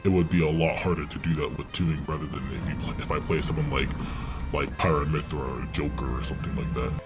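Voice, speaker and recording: A young man speaking through a voice changer that pushes his voice unnaturally deep, far below a normal male range. He talks hesitantly and rambles, filling gaps with ums and uhs. Soft music plays faintly behind him. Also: fairly even intonation, fairly quick. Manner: hesitant, rambling, many fillers. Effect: voice changer shifting the voice very deep. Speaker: student posing as a stranger.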